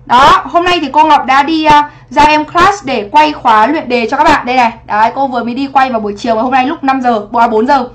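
Young woman english teacher, high voice, livestream lesson, chatty, keeps asking rhetorical questions, home streaming mic. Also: fast talker, hardly any pauses. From Vietnam. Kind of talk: livestream exam review lesson.

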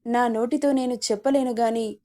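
A woman's voice: fairly high pitch, steady tone, normal speed, warm tone, close to an everyday voice. A woman reading a possessive young rowdy lover. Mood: possessive teasing. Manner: bossy, teasing.

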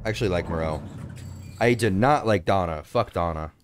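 A man giving casual let's-play commentary while gaming, expressive and freely cursing. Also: deep voice, brisk. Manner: expressive, profane, excitable. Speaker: gaming streamer.

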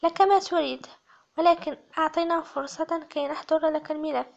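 A woman's voice: high-pitched, fairly even intonation, creaky. A woman voicing a stern male police chief. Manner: firm, measured. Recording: slightly muffled lo-fi audio.

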